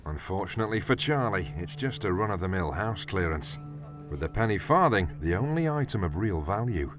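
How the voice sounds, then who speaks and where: A man's voice: low voice, big pitch swings, a little fast. A man reading scripted narration for a television documentary. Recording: voice-over with music bed.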